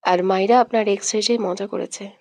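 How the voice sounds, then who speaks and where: A woman's voice: mid-range voice, fairly even intonation, normal speed, a little mellow, no room sound, lightly acted. A woman voicing a timid but defiant young woman in an audio romance, murmuring meekly, then protesting. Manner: meek murmuring, flaring into protest.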